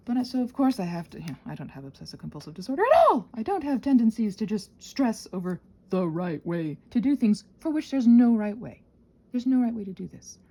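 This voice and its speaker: Her voice is on the high side and mellow. As the solo host of a rambling audio channel, she talks casually and unscripted, scattered and self-deprecating, often trailing off while sounding tired and congested from a sinus infection.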